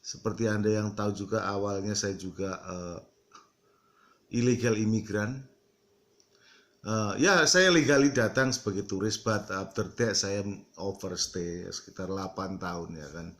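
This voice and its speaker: A middle-aged man from East Java talking casually to his viewers, halting often with fillers and slipping into English. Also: on the low side, a bit bright. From East Java, Indonesia. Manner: halting, many fillers, mixes English into Indonesian. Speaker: vlogger. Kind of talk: casual talk to camera.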